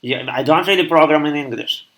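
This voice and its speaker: A man's voice: a little high, a bit bright, echoey room, poor audio. Russian-accented young man thinking aloud. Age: 20s. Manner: halting, thinks aloud with many pauses and restarts. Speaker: programmer live-streaming his coding. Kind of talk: live coding stream, thinking aloud and answering chat.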